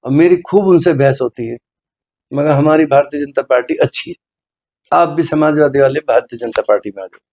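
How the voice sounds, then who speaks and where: A man's voice: on the high side, fairly quick, a little mellow. A middle-aged man, a hospital medical superintendent, answering interview questions earnestly and deferentially, slipping English phrases into his talk. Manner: mixes English phrases into speech.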